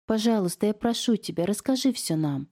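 A woman voicing an anxious young woman who pleads gently and insistently with her aunt. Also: medium pitch, animated, brisk, pitched above the performer's own voice, natural voice. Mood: pleading.

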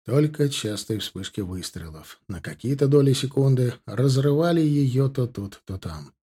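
The audiobook reader, a man, voices a first-person novel at a steady, measured pace. His voice is mid-range and a bit rough.

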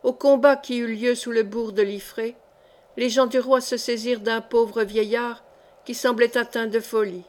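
A woman reading a historical novel aloud in a measured, clear way. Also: fairly high pitch, steady tone. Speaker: audiobook reader.

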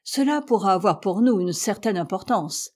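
A woman's voice: mid-range voice, expressive, normal speed, a little mellow, lightly acted. A woman voicing a stubborn, proud American explorer who argues insistently and heatedly. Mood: calm.

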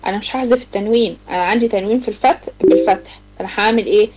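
A woman with an Egyptian Arabic accent teaching a live online tajweed lesson to girls. She explains each rule step by step, asks her students questions, and recites the examples slowly and drawn out. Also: medium pitch, darkish tone, soft background music, rough recording.

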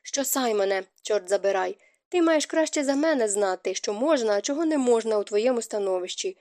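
A woman's voice: on the high side, lively intonation, a little fast, darkish tone, dry recording, studio quality, natural voice. A woman voicing an anxious, stern young nobleman husband in an audiobook, speaking urgently and insistently. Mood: angry.

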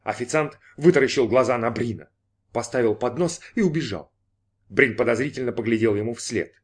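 Expressive male audiobook narrator. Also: mid-range voice, husky. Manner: expressive, measured storytelling.

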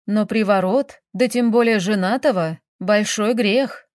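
A woman's voice: mid-range voice, darkish tone, no echo, studio quality, close to an everyday voice. A woman doing a sly, knowing old witch. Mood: measured. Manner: slow, knowing, mocking.

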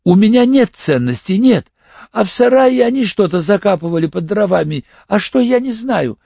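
A man's voice: high-pitched, lively intonation, moderate pace, creaky, mellow, dry recording, pitched above the performer's own voice, heavily acted. A male audiobook reader voicing a frightened, hysterical woman under arrest, panicked and pleading near tears. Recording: dull lo-fi audiobook recording.

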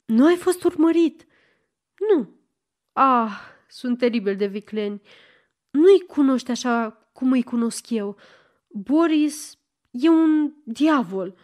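A woman's voice: a little high, animated, a little mellow, natural voice. A woman reading an audiobook and voicing a frightened, impulsive young woman who speaks urgently. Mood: fearful, urgent.

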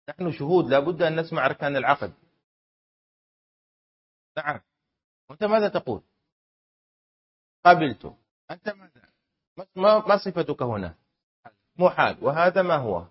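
A man teaching a class on Islamic law, quizzing students and repeating key terms slowly with emphasis. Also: fairly high pitch, slightly rough. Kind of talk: classroom lesson with student exercise. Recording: dull lo-fi classroom recording.

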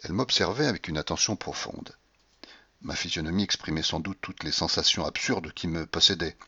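A man's voice: low-pitched, fairly quick, sharp tone, slightly rough, no echo, muffled recording. A man giving a dramatic, impassioned reading of a classic novel in the first person, with a feverish delivery. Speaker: audiobook reader.

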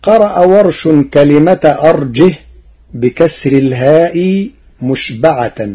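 A man explaining Quran recitation variants in a slow, measured, formal scholarly way on a radio broadcast. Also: fairly high pitch, mellow, husky, highs cut off.

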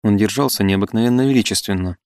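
A man reading a classic novel aloud in a measured, even narration. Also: on the low side, clear, resonant tone, no room sound, clean studio sound. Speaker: audiobook narrator. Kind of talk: literary audiobook reading.

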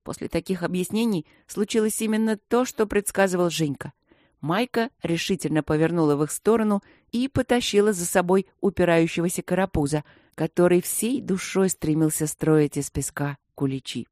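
A woman reading a children's story aloud with an expressive, playful delivery. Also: fairly low pitch, normal speed, no room sound, clean studio sound. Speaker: audiobook narrator. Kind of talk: lively children's story narration.

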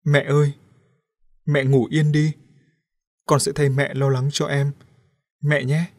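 A man's voice: a little high, little pitch movement, slow, no echo, voice pushed up. A heartbroken young woman pleads with her lost mother in a tearful, raised voice that keeps climbing into cries, as a male narrator puts her on. The storybook reading is dry and close, with no room sound around it. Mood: tearful farewell. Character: grieving young woman, sobbing daughter. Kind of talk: audiobook character voice.

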